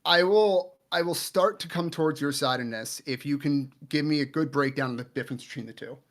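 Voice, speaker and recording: Fast-talking blunt man in his thirties. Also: fairly high pitch. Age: 30s. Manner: blunt, profane, dismissive. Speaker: debate guest. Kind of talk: heated online debate.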